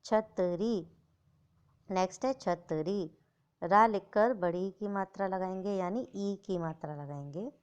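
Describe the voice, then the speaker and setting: A woman's voice: medium pitch, slow, clean tone, highs cut off. A woman teaching young children the Hindi alphabet, patiently explaining and sounding out letters one by one, often checking in with short tags.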